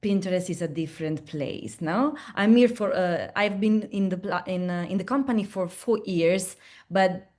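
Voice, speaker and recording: Presenting a platform at a webinar, this Italian woman uses a lowish, slightly mellow voice at a moderate pace. She keeps things chatty, restarting often and adding tag questions along the way.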